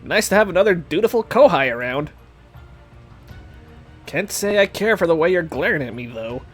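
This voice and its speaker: Man voicing a smug mocking young man, drawling, casually threatening, lively pitch, game dialogue. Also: moderate pace, faint music behind. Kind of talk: reading a game's dialogue aloud.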